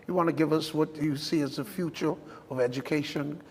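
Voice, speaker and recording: Man, talk host, measured, slightly high pitch, hall reverb. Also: fairly even intonation, vocal fry, darkish tone, slight background noise. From Bahamas. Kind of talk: hosting interview.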